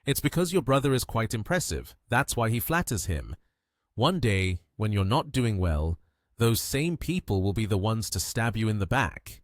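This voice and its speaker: A man playing a calm, cocky rich young man in a storybook recap, speaking softly and sure of himself. the voice sits low with lively rises and falls, and the sound is dry and close. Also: normal speed, no room sound. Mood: self-assured. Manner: soft, self-assured.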